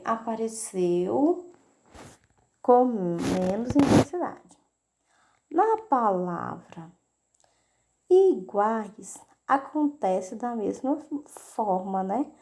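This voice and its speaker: Brazilian woman teacher, middle-aged, unhurried video lesson, patient and repetitive. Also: on the high side, warm tone. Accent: Brazilian Portuguese. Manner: patient, repeats "né?" and "tá?" to check understanding. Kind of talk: recorded video lesson for children.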